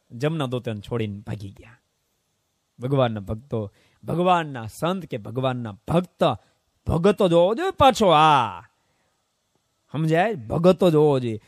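A middle-aged man preaching a sermon as a swami, telling stories and swinging between hushed asides and loud exclamations. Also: a little high, sing-song, measured pace, no room sound, clean studio sound. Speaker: swami preaching at a devotional camp.

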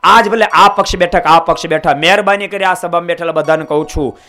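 A man preaching a sermon, scolding his listeners with passion and swinging from loud outbursts to hushed asides. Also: high-pitched, fairly quick.

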